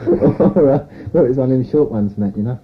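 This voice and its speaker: Man, interviewee, rambling frank account, fast delivery, lo-fi phone-like tape with faint hiss. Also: mid-range voice. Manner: rambling, full of "you know" and "sort of".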